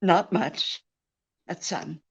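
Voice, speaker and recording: A woman's voice: lowish voice, extremely slow, gravelly, husky, exaggerated voice. A woman playing a seductive, lying femme fatale in a radio detective drama, with a sultry, world-weary manner. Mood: weary, evasive. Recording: dull lo-fi radio recording.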